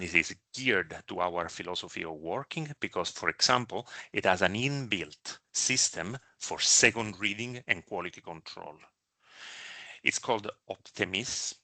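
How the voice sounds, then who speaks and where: Speaking as a medical director during a live question-and-answer session, a deep-voiced man with a sharp tone explains things carefully and measuredly, hesitating at times. The recording has no echo.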